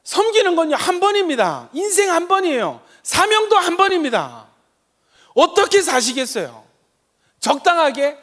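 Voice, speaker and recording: A male pastor preaching a sermon with passion, swinging from loud emphatic peaks to soft quiet asides. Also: very high voice, wildly swooping pitch, moderate pace. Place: church sanctuary. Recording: long reverb of a church sanctuary.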